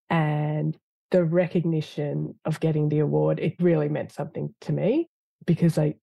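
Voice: medium pitch, creaky, mellow, no room sound. A government lawyer, a guest in an interview, answering in a reflective and earnest way with frequent fillers.

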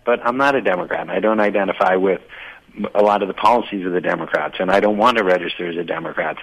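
A man's voice: lowish voice, fairly bright tone, husky. An American man speaking as an interview guest, explaining and arguing his position on a radio show with lo-fi sound. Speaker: interview guest, author and former political candidate.

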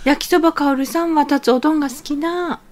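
A woman's voice: sits high, fairly even intonation, fast talker. A woman co-hosting a radio show in Kagoshima dialect, giving short teasing replies and laughing along. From Kagoshima, Japan. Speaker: radio co-host. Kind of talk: casual radio chat.

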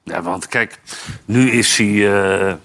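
A Dutch man with a fairly low voice and a bright, forceful tone. He chats easily in the studio and tells old stories from his playing days. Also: slow pace. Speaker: studio guest, former footballer. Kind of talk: casual studio chat.

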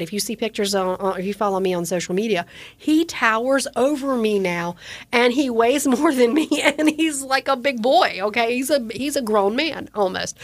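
A woman's voice: on the high side, no echo. A woman in her forties co-hosting a podcast, chatting casually and telling a story while acting out the quoted voices. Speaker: podcast co-host. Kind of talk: casual chat.

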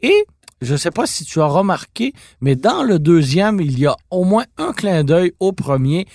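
A man with a Québécois French accent co-hosting a podcast, telling stories in a teasing, animated way. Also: high-pitched, a little slow, no room sound, studio quality. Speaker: podcast co-host. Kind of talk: casual podcast chat about car films.

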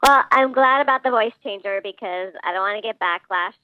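A woman's voice: medium pitch, brisk, smooth. A woman calling into a radio show with her voice disguised by a voice changer, speaking bluntly and without apology. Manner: blunt, unapologetic. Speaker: caller. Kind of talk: radio call-in chat. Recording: phone line, dry.

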